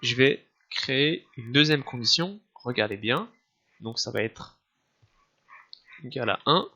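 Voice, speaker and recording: A man teaching a screen-recorded software tutorial, explaining step by step with frequent restarts and filler sounds. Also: medium pitch, lively intonation, a little slow, highs cut off. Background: soft background music.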